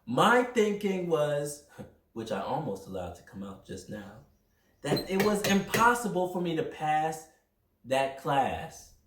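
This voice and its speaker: A young man hosting a podcast, talking through a personal motivational monologue in an energetic, rambling, self-reflective way. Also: a little high, slow pace, background noise. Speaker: podcast host. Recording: roomy echo, mic at a distance.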